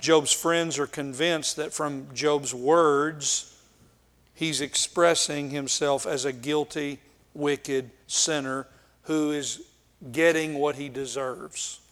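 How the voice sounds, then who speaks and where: Slow, deliberate male preacher. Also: a little high, fairly even intonation, fairly bright tone. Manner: slow and deliberate, with frequent filler pauses; reads scripture aloud with emphasis. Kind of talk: Bible study sermon.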